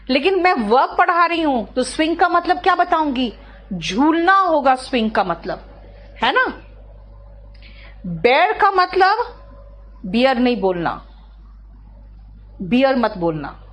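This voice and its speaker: Woman teacher, high voice, unhurried lecture delivery. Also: fairly bright tone. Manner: explains slowly, checks often with "clear?" and "है ना"; addresses students by name. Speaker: English teacher. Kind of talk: online class lecture.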